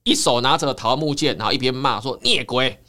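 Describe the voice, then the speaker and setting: A man, a counseling psychologist telling a folk tale in a lively, dramatic way on a podcast. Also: medium pitch, quick pace. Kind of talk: animated storytelling in a podcast.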